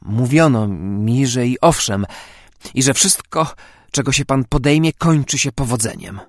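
A man's voice: medium pitch, a little slow, no echo, studio quality, lightly acted. A man voicing a frightened, pleading young woman who speaks urgently.

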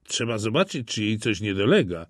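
A man's voice: fairly low pitch, very animated, brisk, no room sound, studio quality. A man voicing a middle-aged hunter who speaks in a firm, stern way. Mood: concerned.

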